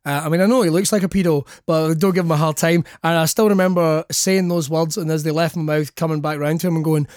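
A man's voice: on the high side, fairly even intonation, fast talker, few pauses, a little mellow, no echo, clean studio sound. A Scottish man chatting casually, telling jokey, sweary anecdotes and acting out the lines he quotes. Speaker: wrestling commentator and guest.

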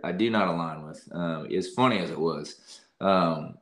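A man's voice: low-pitched, measured pace. A young man, a singer and guest, telling stories in a casual interview and often quoting himself. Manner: lively storyteller, quotes himself often.

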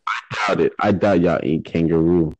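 A man's voice: low voice, steady tone, moderate pace, darkish tone, lo-fi sound. A man hosting a casual chat with strangers, laid-back and teasing. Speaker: host chatting with strangers.

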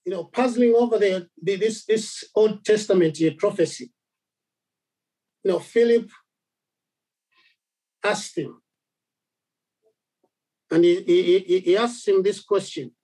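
A man from Zambia preaching a sermon, halting, with many repeated words and fillers. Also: sits high, mellow, poor audio.

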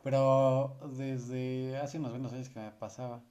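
A man chats casually in a mellow, dark voice at a middle pitch. He talks loosely and hesitantly, and his sentences often trail off into a quiet mumble. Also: level tone, measured pace, lo-fi sound. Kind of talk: casual chat.

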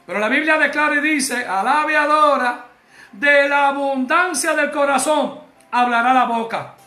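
A fervent male preacher, his voice sitting very high and ringing bright. He exhorts the congregation, keeps calling them beloved brother, and bursts into shouts. The sound carries the echo of a church room. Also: moderate pace. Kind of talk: sermon.

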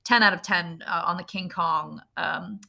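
A woman co-hosting a comedy podcast with a crisp, bright voice. Her delivery is casual and playful, full of deadpan jokes, and her pitch sits slightly low. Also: measured pace. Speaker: podcast co-host.

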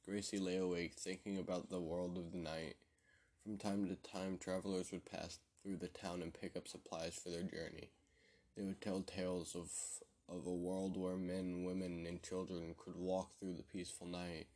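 Low-voiced guy reading a horror story, measured, keeps restarting words. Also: flat delivery, darkish tone. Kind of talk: scripted horror story narration.

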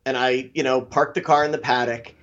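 A man telling racing stories with animated, laughing delivery in a casual podcast chat. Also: mid-range voice, fairly quick. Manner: animated anecdotes, laughing while telling them. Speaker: guest, Honda Challenge co-founder. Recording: dull lo-fi audio.

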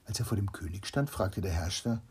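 A man reading a fairy tale aloud to a child, with a gravelly, husky voice. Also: deep voice, a little fast, a little mellow. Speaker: storyteller.

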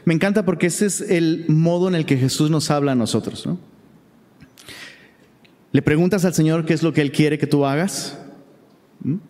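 A man's voice: fairly high pitch, normal speed, pauses often, darkish tone, in a large hall. A man with a Mexican accent teaching a Bible study in a chatty, conversational way, often checking in with rhetorical questions.

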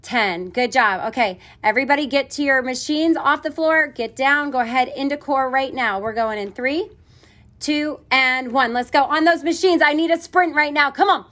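A woman's voice: sits high, moderate pace, fairly bright tone. A woman leading a workout as an aerobics instructor, calling counts and form cues with commanding, encouraging short phrases. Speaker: group fitness class instructor.

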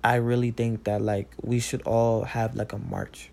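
A man's voice: lowish voice, fairly even intonation, unhurried, gravelly, darkish tone. Man ranting casually, profane and rambling. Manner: profane, rambling, heated, repeats "like". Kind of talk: casual rant.

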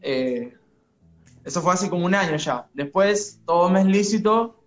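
A young man speaks in a voice a little higher than most men's. He sounds shy but friendly and earnest as he chats casually about his music. Soft music plays faintly behind him. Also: animated, measured pace. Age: young adult. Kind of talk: casual interview chat.

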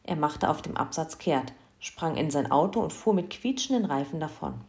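A woman reading a children's Christmas story aloud in a lively, expressive way. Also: deep voice, normal speed.

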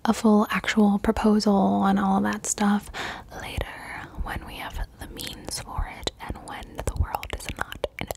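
A woman in her twenties from Colombia, whispering in a casual ASMR question-and-answer session, softly repeating words over and over. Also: mid-range voice, monotone, unhurried, gravelly, slightly rough, no echo. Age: 20s. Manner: casual, swears freely. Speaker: ASMR creator.

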